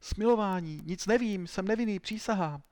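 A man's voice: fairly high pitch, animated, no echo, clean studio sound, voice pushed up. A man voicing a timid male suspect who whines and protests his innocence. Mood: pleading.

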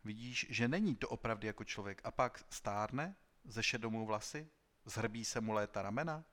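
A man voicing an aged mechanical man, a great engineer who speaks calmly and with fatherly sorrow, in a dramatized audiobook reading. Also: fairly low pitch. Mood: sorrowful. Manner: calm, fatherly, heavy-hearted.

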